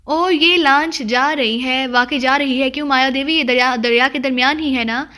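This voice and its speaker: A woman voicing an angry, bullying male spy chief who shouts his orders in an audiobook. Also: high-pitched. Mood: excited. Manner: shouting, hot-tempered, bossy.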